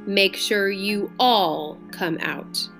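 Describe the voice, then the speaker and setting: A woman voicing a stern male captor in a storybook reading, setting terms in measured, deliberate speech. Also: medium pitch, fairly bright tone, faint music behind. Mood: commanding. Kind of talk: audiobook character voice.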